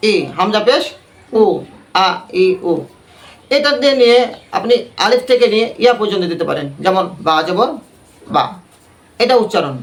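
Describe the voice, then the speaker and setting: A man's voice: high voice, fairly bright tone. A man teaching a Quran recitation class, quizzing the class with repeated questions and leading call-and-response.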